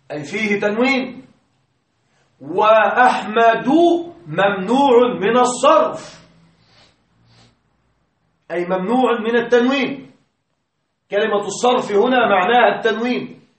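A male grammar teacher giving a classroom lesson, patiently explaining, quizzing his students and chanting quoted verses slowly. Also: sits high, a bit bright. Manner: recites verses in slow measured chant. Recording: echoey classroom from far off.

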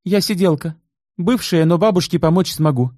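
A bossy former nurse, as a male reader puts her on, high, brisk and businesslike. She gives orders in a close, dry recording. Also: darkish tone, dry recording. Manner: businesslike, commanding.

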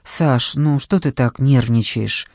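Woman voicing Konstantin, a calm ironic young man. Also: dry recording, clean studio sound, full character voice. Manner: low, soothing, measured.

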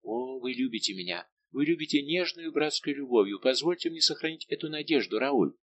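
A man's voice: mid-range voice, lively intonation, a little fast, a bit bright, breathy edge, no room sound, muffled recording, pitched above the performer's own voice. Man voicing a tearful pleading noblewoman. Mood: anguished. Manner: emotional, imploring. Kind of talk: audiobook dialogue reading.

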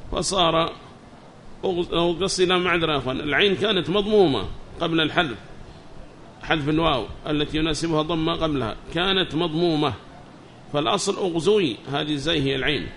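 A man with a fairly high, somewhat bright voice teaches a lesson on classical Arabic grammar, with slight background noise. He reads a text aloud, explains it, and asks his students questions along the way.

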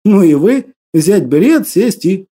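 A man doing a gentle young guide. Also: high-pitched, big pitch swings, slow pace, heavily acted. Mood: patient, gentle. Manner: patient, gently explaining. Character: gentle earnest young man, patient explainer.

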